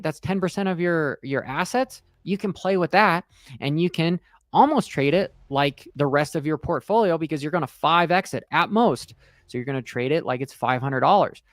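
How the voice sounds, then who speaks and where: This crypto streamer's voice sits on the high side and has no echo. Speaking with half his face numb from the dentist, he delivers casual, emphatic livestream trading commentary, repeating himself and checking in often.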